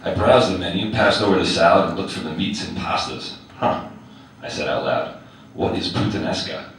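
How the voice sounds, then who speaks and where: A male teacher with a low voice reads his own personal essay aloud at normal speed to a live audience, wry and conversational, putting questions directly to the listeners. The hall is very echoey, the mic is distant, and there's faint noise.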